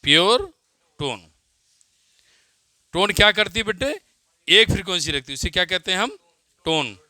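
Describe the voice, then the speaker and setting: A man with an Indian accent teaching physics, dictating definitions slowly, repeating phrases and quizzing his students. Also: high-pitched, sharp tone, no room sound. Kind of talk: classroom lecture with dictation.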